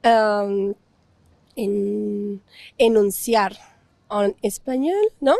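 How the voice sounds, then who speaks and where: A woman from Mexico with a Mexican Spanish accent, speaking halting, broken French as a learner trying out pronunciation. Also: medium pitch, steady tone, vocal fry, a little mellow, no echo. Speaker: guest learner, member of a language-teaching team. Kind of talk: casual on-camera pronunciation exercise.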